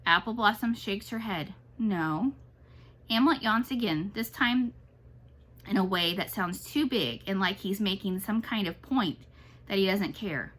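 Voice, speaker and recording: Woman, teacher, storybook read-aloud for kids, gentle, expressive, mid pitch. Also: normal speed. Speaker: teacher reading to children.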